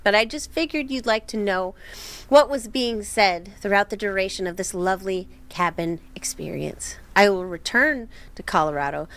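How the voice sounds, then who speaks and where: A woman hosting a channel, reading a scary internet story aloud, going hushed and eerie when she reads out the quoted voices. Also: mid-range voice, normal speed. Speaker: story reader and host.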